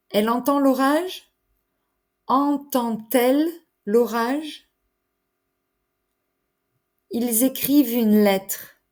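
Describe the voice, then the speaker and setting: A woman teaching a French lesson, enunciating each phrase slowly and carefully. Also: a little high, mellow. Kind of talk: slow, clear language lesson.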